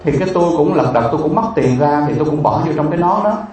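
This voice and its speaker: A Buddhist monk tells a story as a sermon, in a vivid and emotional way, with many repeated fillers. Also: male voice, fairly high pitch, animated, rapid-fire, a little mellow, slight background noise. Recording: echoey room, distant mic, faint ambience.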